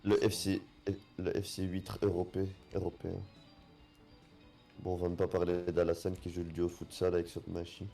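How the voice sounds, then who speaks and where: A man with a lowish, dark voice gives casual sports commentary on a game. He repeats names and phrases for emphasis, with faint music underneath. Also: monotone, normal speed, gravelly. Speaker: esports co-commentator.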